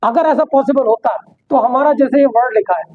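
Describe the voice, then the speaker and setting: A woman teaching an English pronunciation lesson, mixing Hindi and English, repeating words and asking the class questions. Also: sits high. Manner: repetitive, asks the class questions; slows down sharply for English sentences. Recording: dull, lo-fi sound.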